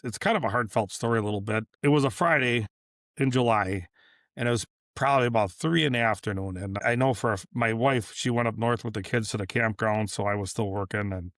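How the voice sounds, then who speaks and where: Low-voiced man telling a shop story. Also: fairly quick, fairly bright tone, dry recording, clean studio sound. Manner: rambling, repeats and restarts, acts out dialogue. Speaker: business owner guest. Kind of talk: casual storytelling interview.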